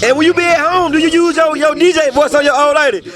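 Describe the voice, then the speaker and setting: A man's voice: very high-pitched, fairly even intonation, fast talker. A man from Atlanta with an Atlanta accent hosting a casual interview, talking in a loose, profane storytelling way and laughing often. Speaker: host. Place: strip club, music playing. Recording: loud music behind.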